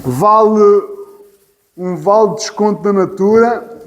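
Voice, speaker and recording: A man teaching an English class, playful and teasing, repeating words slowly and clearly for his students. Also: high-pitched, big-room sound. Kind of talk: classroom lesson. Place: church hall classroom.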